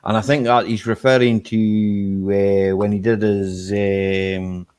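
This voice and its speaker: A man's voice: fairly low pitch, little pitch movement, slow pace, darkish tone, clean tone. A man in his early forties hosting a casual live chat, rambling and tagging his sentences with "right?" and "eh?", laughing often. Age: 40s. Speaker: live-stream host.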